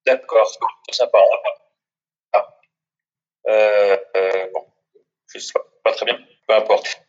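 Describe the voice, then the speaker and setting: A man joining a seminar discussion over a video call, hesitating with many filler pauses while his audio keeps cutting out in glitchy dropouts. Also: on the low side, steady tone, recorded from a distance, dull audio. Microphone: computer microphone on a video call.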